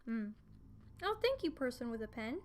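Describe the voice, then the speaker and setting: With game soundtrack music faint in the background and slight noise, a teenage girl livestreams from her bedroom on a streaming desk mic. Her voice is a little high and very animated at a normal speed, and she rambles casually with lots of fillers and giggles.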